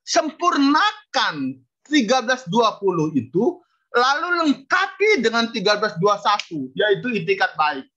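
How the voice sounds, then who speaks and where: A woman's voice: mid-range voice, big pitch swings, a little slow, fairly bright tone. A woman law lecturer giving a university lecture, explaining through everyday example cases and checking in with her class after nearly every point. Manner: peppers points with "gitu" and "oke?" checks. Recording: dull lo-fi recording.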